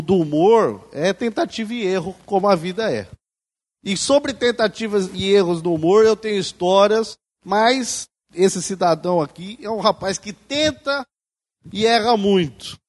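A man with a Brazilian Portuguese accent presenting a seminar talk, steady and teasing toward his partner. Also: sits high, big-room sound. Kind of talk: lecture talk.

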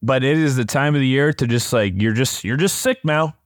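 A young man co-hosting a casual podcast over a video call, sick with a dry, raspy voice and telling teasing stories. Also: mid-range voice, a little fast, dry recording. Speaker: podcast co-host. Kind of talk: casual chat. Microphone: earbuds and Zoom mic.

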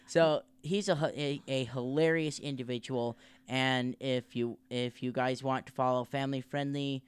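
A man's voice: medium pitch, steady tone, measured pace, clear, resonant tone. A man co-hosting a podcast, chatting casually, hesitating and explaining things for listeners. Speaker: podcast co-host. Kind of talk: casual chat recap.

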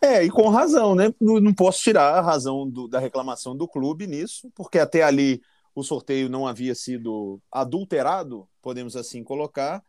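A man's voice: medium pitch, animated, a little fast, darkish tone, dry recording, clean studio sound. A Brazilian man giving opinions on football in a casual podcast chat.

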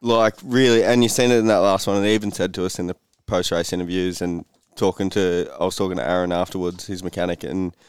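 A man's voice: low voice, flat delivery, fast, few pauses, clean tone, no echo. A man co-hosting a casual motocross podcast, blunt and teasing, keeping the show moving. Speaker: podcast co-host.

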